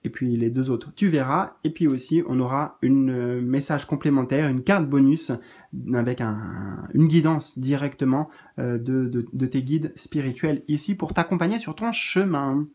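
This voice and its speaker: A man giving a gentle, reassuring spiritual card reading in a casual spoken style, pausing often with fillers. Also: mid-range voice.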